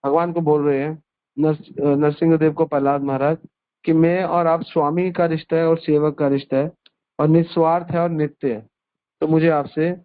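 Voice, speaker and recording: A man giving a devotional discourse, explaining scripture verses word by word and repeating key phrases. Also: a little high. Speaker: spiritual teacher. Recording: tinny conference-call phone line.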